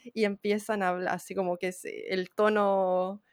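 A woman's voice: mid-range voice, little pitch movement, normal speed, smooth, dry recording, studio quality. A woman with a Chilean Spanish accent talking animatedly and slangily in a casual group chat.

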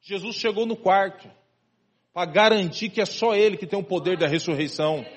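A man's voice: high voice, moderate pace. A man preaching a sermon as pastor, talking to the congregation in a conversational way and calling them brother. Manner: conversational preaching, calls listeners "irmão".

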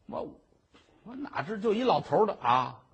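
A man's voice: high-pitched, big pitch swings, moderate pace, husky, highs cut off, exaggerated voice. A man voicing a wealthy male herb merchant, wrongly accused and pleading tearfully.

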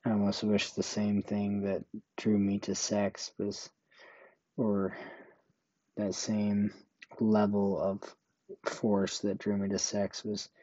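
A young man hosting a solo podcast, thinking aloud slowly in a monotone way. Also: fairly low pitch, no echo, dull audio. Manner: slow, monotone, musing. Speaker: podcast host.

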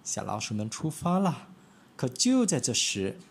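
A man from Malaysia telling a children's picture-book story in a medium voice. His storytelling is expressive, and his pitch swings widely as he brings the tale to life. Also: a little slow, vocal fry, husky. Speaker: storybook reader.

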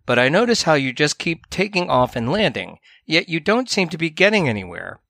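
A man voicing a curious, polite moth who asks gentle questions in a storybook reading. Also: on the high side, sing-song, a little fast, creaky, no room sound, studio quality, pitched above the performer's own voice, exaggerated voice. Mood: puzzled.

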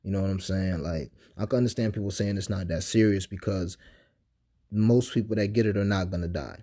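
Husky-voiced sarcastic podcast host. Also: male voice, sits low, fairly quick. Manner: sarcastic, animated, conversational with slang and frequent "you know what I'm saying". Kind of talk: casual podcast monologue.

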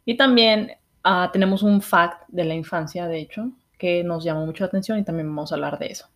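Young woman, Mexican accent, podcast host, slightly low pitch, casual chat, slangy and informal. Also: fairly quick.

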